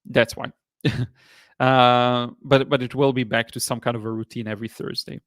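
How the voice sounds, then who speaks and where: The speaker is a watercolor artist in his thirties, a native Hebrew speaker with an Israeli accent, casually answering viewer comments on his painting livestream. He talks in a medium pitch, relaxed and halting with plenty of fillers, and the studio recording is dry and clean.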